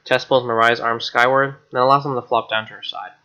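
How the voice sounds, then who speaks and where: Let's player: a man reading game narration, bright tone, wry asides. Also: medium pitch, flat delivery, brisk, smooth, low-quality recording.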